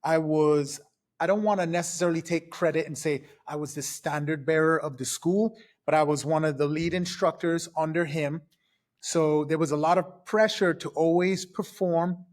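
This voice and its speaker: A man in his fifties from Trinidad, a podcast guest telling his past in a casual, lively way, step by step. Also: on the high side, normal speed. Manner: lively, recounts events step by step. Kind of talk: casual storytelling.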